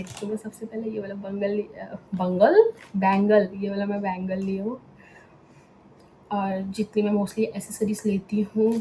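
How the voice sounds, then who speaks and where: A young woman talks her way through her packing at home at night, musing aloud in a relaxed, chatty way. She often drops her voice to a hush, close to a whisper. The room rings with echo and a steady background noise sits under her. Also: medium pitch. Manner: chatty, thinking aloud, mixing in English words. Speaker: vlogger. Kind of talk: casual packing vlog chat.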